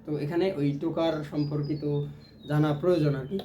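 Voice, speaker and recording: A man's voice: on the high side, little pitch movement, brisk, slight background noise. A man teaching a ukulele lesson, explaining strums and chanting rhythm syllables as he plays. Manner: counts strums and chants rhythm syllables aloud while playing. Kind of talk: music lesson. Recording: loud plucked strings under the voice.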